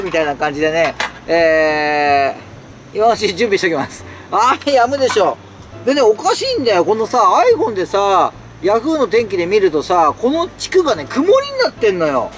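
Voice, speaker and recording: A man in a tent in the rain, chatting casually on a live stream and answering viewer comments in an exclamatory way. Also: sits high. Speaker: solo camping streamer. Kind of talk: casual live-stream chat while camping. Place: inside a tent while it rains.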